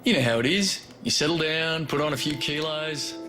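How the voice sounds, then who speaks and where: A man playing an easygoing, unworried man in a television advert, talking in an offhand, relaxed way. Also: a little high, moderate pace, natural voice. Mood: unbothered. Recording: music bed under the voice.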